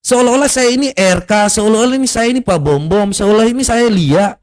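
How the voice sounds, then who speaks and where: High-voiced man, scolding. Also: brisk. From Kupang, East Nusa Tenggara, Indonesia. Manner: scolding and taunting, with rhetorical questions and mocking laughs. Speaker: online religious commentator. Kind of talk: confrontational social media rant.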